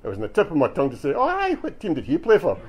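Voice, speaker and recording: A man's voice: fairly high pitch, wildly swooping pitch, racing, crowd noise, pitched above the performer's own voice. A man voicing a stocky, cheeky retired Glaswegian man with a broad dialect, telling a boastful story at a bookshop reading. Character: cheeky stocky older Glasgow man, joker. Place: bookshop event.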